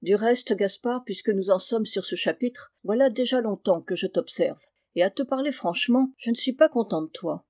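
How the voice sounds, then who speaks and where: A woman's voice: medium pitch, moderate pace, hardly any pauses, a little mellow, no room sound, clean studio sound, lightly acted. A woman voicing a stern village schoolmaster lecturing a pupil. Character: stern moralizing village schoolmaster, older man.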